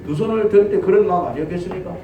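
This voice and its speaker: A male pastor with a Gyeongsang accent preaching a sermon, telling the story lively and asking his congregation questions. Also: sits high, rapid-fire, narrow, tinny audio. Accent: Gyeongsang Korean. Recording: roomy church audio from a distance, faint noise.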